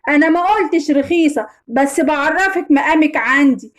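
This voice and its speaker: A woman with an Egyptian accent voicing a harsh, domineering husband who talks down to his wife in slow, heavy, contemptuous phrases. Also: sits high, natural voice. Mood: scornful. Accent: Egyptian Arabic. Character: harsh domineering husband, adult man, scornful.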